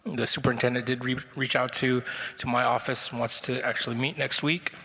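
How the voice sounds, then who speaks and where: Man fielding questions at a hall meeting, monotone, lots of restarts, reverberant room. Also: mid-range voice. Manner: halting, many restarts and fillers. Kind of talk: unscripted answer at a public meeting.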